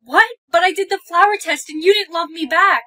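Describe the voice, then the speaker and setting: A young woman with a high, girlish voice plays a dramatic, easily wounded teenage girl. The delivery belongs to a short, acted social video skit. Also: brisk, bright, forceful tone. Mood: earnest. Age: young adult.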